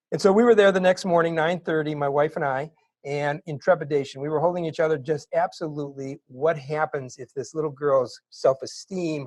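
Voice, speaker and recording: Animated storytelling man, dry close sound. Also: a little high, dry recording. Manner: animated, builds to excited bursts. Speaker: interview guest, wig maker. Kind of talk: storytelling in an interview.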